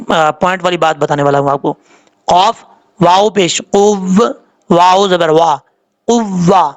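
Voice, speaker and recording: A man's voice: high-pitched, a bit bright. A man teaching Quran recitation rules, spelling out letters and vowel marks one syllable at a time and drawing out the recited examples, in a patient, explanatory manner.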